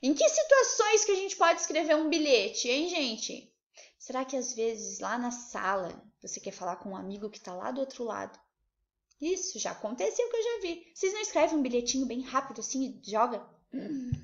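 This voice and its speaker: Bright lively teacher woman. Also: high-pitched, moderate pace. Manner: lively, coaxing, asks many questions. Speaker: primary school teacher. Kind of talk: remote lesson for young children. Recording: slightly dull lo-fi recording.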